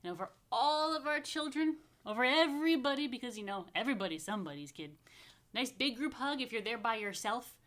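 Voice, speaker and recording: This rabbi's voice is on the high side and a bit bright, with lively intonation and a brisk pace. She leads story time and blessings for young families, chatting informally and playfully in kid-friendly language.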